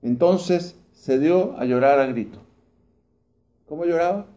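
A man's voice: fairly high pitch, a little slow, mellow, a little hiss or hum. A man over forty preaching a sermon, reading scripture aloud and putting questions to his congregation. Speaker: pastor.

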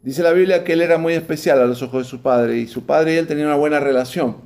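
A man past his mid-forties preaching from the pulpit, his voice sitting a little high for a man. He reads passages aloud and keeps turning to the congregation with questions. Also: quick pace, darkish tone. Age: over 44. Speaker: pastor. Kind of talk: sermon.

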